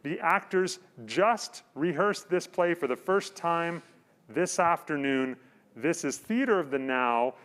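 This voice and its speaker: A man's voice: a little high, animated, slow, a bit bright. A man hosting a live-streamed theatre show, chatting friendly and telling a story. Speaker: host.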